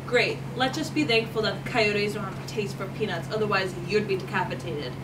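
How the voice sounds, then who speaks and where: A woman's voice: medium pitch, a little fast, lightly acted. A woman playing a ruthless mocking editor. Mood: scornful. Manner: mocking, bossy, crude insults. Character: ruthless, insulting female assistant editor. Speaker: assistant editor. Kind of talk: student short-film acting. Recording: echoey room, mic far off, noisy.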